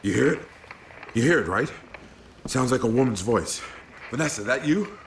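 Earnest American boat captain played by an actor, animated pitch. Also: male voice, normal speed, slight background noise, lightly acted. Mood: worried. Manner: earnest, insistent. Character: earnest, worried, idealistic male boat captain surviving an apocalypse. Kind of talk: dramatic video game acting.

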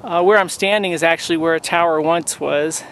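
A man in his forties talks to a camera held at arm's length from a desert mountaintop, his voice pitched a little high for a man. He rambles along in an easygoing way with frequent ums. Faint outdoor noise sits behind him. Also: brisk. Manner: relaxed, rambling with many ums. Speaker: hiking vlogger. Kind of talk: casual outdoor vlog.

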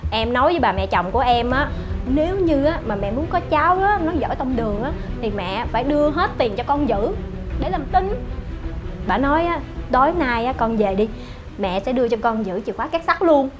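Actress as young scheming wife, high and sugary, pleading; web drama with music bed. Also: female voice, expressive, a little fast. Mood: smug. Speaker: daughter-in-law. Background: background music.

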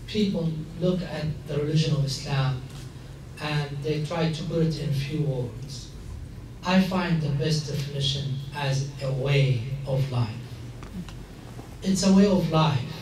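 Slow, emphatic imam in an echoey hall. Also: male voice, on the high side, darkish tone, recorded from a distance, a little hiss or hum. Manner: measured, emphatic, gesturing while speaking. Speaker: imam giving a talk. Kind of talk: public talk to a mixed audience. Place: large hall indoors. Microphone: stand mic at a lectern.

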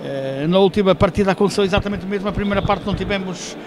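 A man's voice: high voice, very fast. A man giving live play-by-play futsal commentary, hesitant and often correcting himself as he thinks aloud. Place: indoor sports hall during a match. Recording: noisy sports hall with bouncing balls. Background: gym noise, ball bounces.

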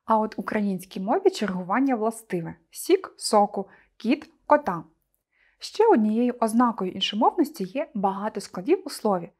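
A woman teacher presenting a scripted online lesson, speaking clearly and deliberately to her pupils. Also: medium pitch, darkish tone.

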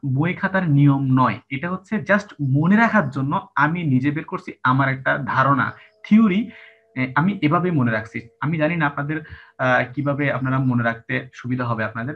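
A man's voice: medium pitch, normal speed. A man teaching Japanese writing step by step, spelling out each syllable and counting the strokes aloud. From Bangladesh. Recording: dull lo-fi recording with faint hum.

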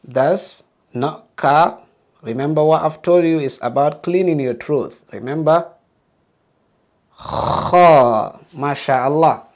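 A man's voice: fairly high pitch, measured pace, darkish tone. A man teaching a beginner alphabet lesson, patiently modeling letter sounds and encouraging learners to repeat.

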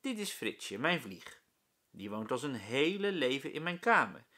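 A man voicing a cheeky young schoolboy in a children's story, with a high, eager voice. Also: big pitch swings, unhurried, pushed and bright, heavily acted.

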